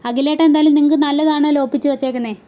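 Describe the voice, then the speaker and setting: A woman's voice: sits high, steady tone, rapid-fire, lightly acted. A woman voicing a defiant young woman who answers her parents back sharply. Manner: sharp, retorting.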